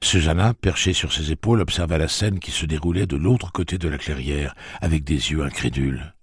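A man reading a novel aloud as audiobook narrator, in an expressive, dramatic way. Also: rumbling low, brisk, slightly rough, no room sound, clean studio sound. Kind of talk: scripted narration.

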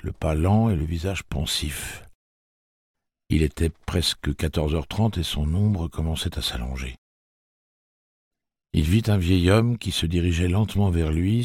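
A man narrates a novel in a measured storytelling manner. His voice is very deep and gravelly, with a husky edge and lively inflection. The recording is dry and close. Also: no echo. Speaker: audiobook narrator. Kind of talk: scripted narration.

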